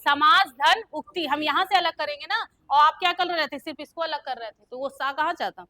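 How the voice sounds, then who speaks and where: A woman's voice: sits high, a little fast, sharp tone, dry recording. A young woman teaching a grammar lesson, who keeps quizzing her students with questions and then answers them herself. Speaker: Hindi teacher.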